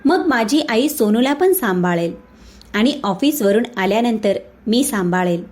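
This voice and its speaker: A woman voicing an angry young husband who scolds and accuses his wife, in a slightly high voice. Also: lively intonation, a little slow. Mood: angry scolding. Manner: shouting, accusing.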